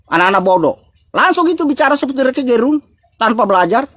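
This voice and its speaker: A man's voice: extremely high pitch, sing-song, fast, a bit bright, dry recording. An older man from Indonesia in an angry, repetitive rant, scolding and preaching.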